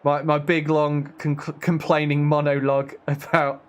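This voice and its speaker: A man commentating live on his football management game, excitable and self-mocking with sarcastic asides. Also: on the high side, a little slow.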